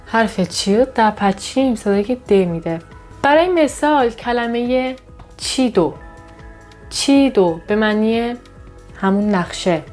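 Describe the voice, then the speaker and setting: A woman teaches a pronunciation lesson in a patient, step-by-step way. She pauses to pronounce each example word carefully, often a bit higher and brighter than her explaining voice. Soft music plays faintly behind her. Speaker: Korean language teacher.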